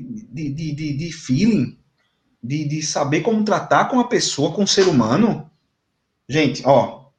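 A man's voice: fairly high pitch, roomy sound. A man, talking as a football commentator on a fan debate show, emphatic and indignant, often repeating words.

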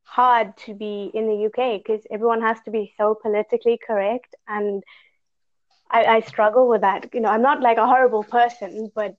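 Zimbabwean lady just chatting, frank and a bit amused, higher voice, dull lo-fi audio. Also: fairly even intonation, moderate pace. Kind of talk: casual chat. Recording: dull lo-fi app call audio.

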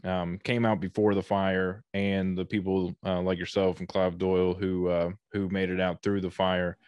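A man hosting a podcast interview over a video call, talking haltingly with many fillers and restarts. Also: deep voice, level tone, darkish tone, smooth, dry recording, dull audio. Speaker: podcast host.

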